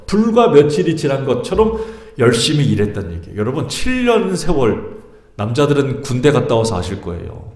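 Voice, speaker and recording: A middle-aged male pastor preaches in a church, his voice rising and falling in lively swings. He keeps turning to the congregation with questions. The sound carries a roomy church echo. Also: medium pitch. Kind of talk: sermon. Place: church sanctuary.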